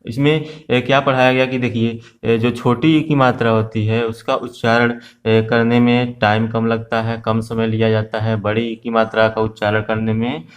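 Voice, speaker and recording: A man giving a phonics lesson to small children in a mid-pitched voice. He talks patiently and repeats each question before answering it himself. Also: level tone, normal speed, hardly any pauses. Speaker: teacher.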